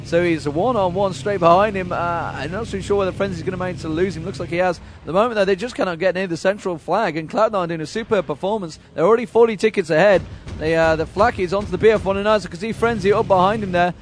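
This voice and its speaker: A male esports caster rattles off play-by-play at a brisk clip, his voice sitting high. He calls the action live from a LAN event, with faint background noise. His delivery is quick and chatty, with frequent chuckles. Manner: rapid play-by-play, chuckles often. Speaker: esports commentator. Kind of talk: live game commentary. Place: noisy LAN event hall.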